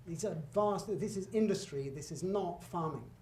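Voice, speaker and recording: A man's voice: high-pitched, moderate pace, mellow. A middle-aged man giving a public lecture with slides, talking in a conversational, emphatic way with asides and self-corrections. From Britain. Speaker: guest lecturer. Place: lecture hall. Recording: echoey hall, faint room noise.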